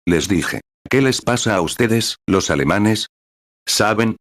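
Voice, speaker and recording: A man reading a sermon aloud in a steady, measured way, calling out paragraph numbers as he goes. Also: on the low side, no room sound, clean studio sound. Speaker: sermon reader.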